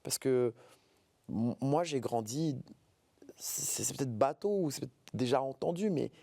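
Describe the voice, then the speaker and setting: A man's voice: medium pitch, expressive, measured pace, gravelly, mellow, dry recording. A man in his forties from the Paris suburbs, speaking earnestly as an interview guest, often hesitating and repeating words. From France, Paris suburbs. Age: 40s.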